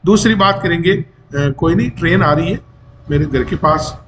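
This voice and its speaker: लंबे अंग्रेज़ी शब्दों वाला भारतीय शिक्षक. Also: male voice, a little high, moderate pace, slight background noise. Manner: lively, rising questions, switches Hindi and English. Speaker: teacher. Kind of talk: explaining a poem to students. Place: home near railway tracks.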